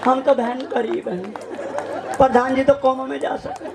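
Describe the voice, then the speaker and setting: A man's voice: extremely high pitch, steady tone, a little slow, vocal fry, crowd noise, noisy background, exaggerated voice. A man doing a naive village woman. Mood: plaintive. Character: poor naive village woman, chatty and simple.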